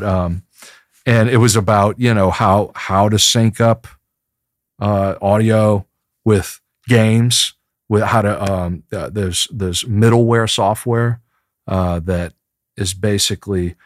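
A man with a low voice answers in a casual interview. He speaks in a reflective, colloquial, slightly rambling way, recorded dry. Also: no room sound. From New Orleans, USA. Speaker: interview guest, musician.

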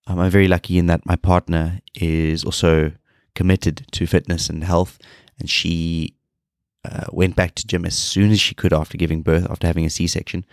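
A man hosts a podcast by himself, his very deep voice made nasal and stuffy by a cold. At a moderate pace he speaks flatly with little energy, rambling and restarting as he goes. The recording is close-miked, dry and free of room sound.

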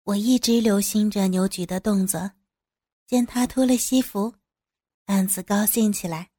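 A woman narrating a first-person adult audio story in a lively, sly, expressive way. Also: medium pitch, a little slow, dry recording, studio quality.

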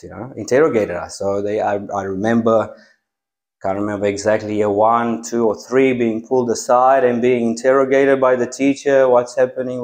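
A man's voice: medium pitch, darkish tone. A man in his forties from Romania, native Romanian speaker, telling childhood stories as a guest in a casual interview, laughing often and using many fillers.

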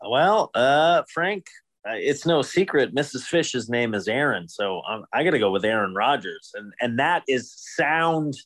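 Male podcast host, unhurried drawl, crude jokes, casual banter. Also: medium pitch, animated, a bit bright. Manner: joking, crude, slow drawl.

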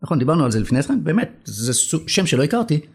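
A man's voice: on the high side, very animated, creaky, a little mellow, slightly rough. A middle-aged man with an Israeli accent talks in a conversational business interview, emphatic and repeating phrases for weight. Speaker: company country manager, interview guest.

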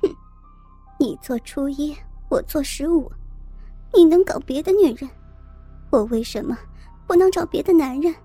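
A woman's voice: high-pitched, lively intonation, normal speed, long pauses, warm tone, soft background music. A woman voicing a proud young woman who speaks coldly and with scorn. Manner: cold and scornful.

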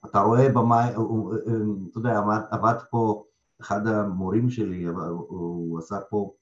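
Man, lowish pitch, conversational interview guest, theatre director, emphatic repeated phrases, roomy muffled recording. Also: fairly even intonation. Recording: echoey room, slightly dull sound.

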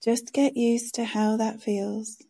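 A woman guides a meditation in a soft, hushed and soothing voice. Her tone is very mellow and rounded, sitting a little high. She gives each gentle instruction slowly, leaving room between phrases. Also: flat delivery, creaky. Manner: slow, gentle instructions with pauses.

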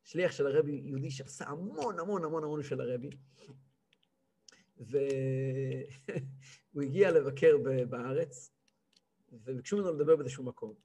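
A man in his thirties, a rabbi giving a lively weekly lesson, who acts out a cantor's chanting and scolds him. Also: medium pitch, long pauses, breathy edge. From Israel. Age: 30s. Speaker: rabbi teaching a weekly class.

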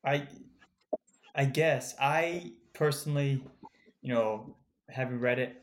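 A man's voice: mid-range voice, takes it slowly. A man co-hosting a book podcast, talking hesitantly and restarting his sentences. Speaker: podcast co-host. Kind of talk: casual book discussion.

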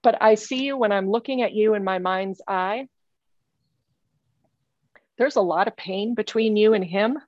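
A woman's voice: mid-range voice, a little slow, pauses often, a little mellow, no echo, highs cut off. A woman giving a psychic reading over a remote call, earnest and insistent, often stopping and repeating her phrases. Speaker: psychic medium.

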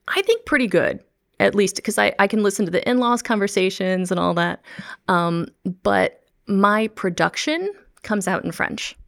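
Speaking as a language researcher in a casual interview, a middle-aged Midwestern American woman laughs frequently and keeps restarting sentences. She has a medium-pitched, creaky voice.

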